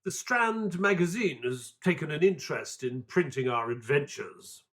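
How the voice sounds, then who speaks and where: An actor playing a mild, earnest Victorian doctor and storyteller in an audio drama, polite and measured. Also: male voice, on the high side, lively intonation, fairly bright tone. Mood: modest. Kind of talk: audio drama acting and narration.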